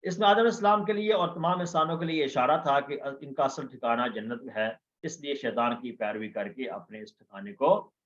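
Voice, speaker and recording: A man teaching a lesson, explaining word forms patiently and repeating each one slowly, with frequent hesitations. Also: medium pitch, fairly bright tone. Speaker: Quranic Arabic teacher. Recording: dull lo-fi recording.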